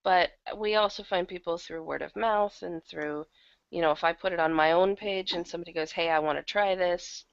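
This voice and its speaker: This interview guest, an audio drama producer and casting director, talks frankly and pokes fun at herself while discussing her work over a computer microphone. She has a lowish, steady voice with vocal fry, moving a little fast, and the tone is clean with no room sound. The lo-fi internet call comes through dull, its volume uneven.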